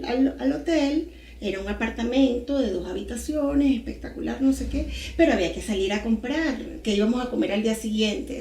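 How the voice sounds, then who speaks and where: A Venezuelan woman in her forties, a podcast guest telling her story in a lively, animated way with little sound words. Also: fairly high pitch, roomy sound. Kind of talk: casual podcast interview.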